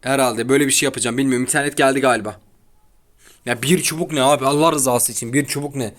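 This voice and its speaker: A young gaming host with a medium-pitched, steady, slightly bright voice chats quickly over his gameplay. He's frequently exasperated, griping in slang. It's recorded in a home room by an open window, and a child is audible outside.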